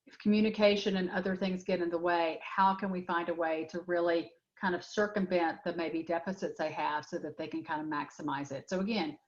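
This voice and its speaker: A woman's voice: lowish voice, steady tone, brisk, few pauses. A middle-aged woman presenting a workshop, answering audience questions with frank, direct advice and many fillers. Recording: dull lo-fi web audio.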